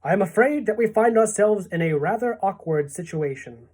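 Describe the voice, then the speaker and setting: A woman's voice: mid-range voice, expressive, brisk, warm tone, breathy edge, voice pushed up. A woman voicing a wise old male grasshopper in a storybook, courtly and encouraging. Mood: grave, courteous.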